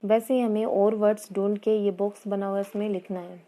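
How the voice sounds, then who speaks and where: A woman explains an English poem to her online class in a blend of Hindi and English, her voice medium-pitched, mellow, and flat. She poses questions to students and repeats key words. The English lines she reads slowly and carefully.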